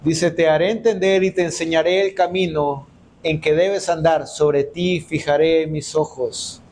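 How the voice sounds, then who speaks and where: A man from El Salvador delivers a sermon, his voice sitting a little high for a man. He tells stories from his own life and acts out the dialogue in them. There's a faint hiss of background noise in the church. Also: fairly even intonation, measured pace, a little mellow. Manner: storytelling, acts out quoted dialogue. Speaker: preacher. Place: church hall.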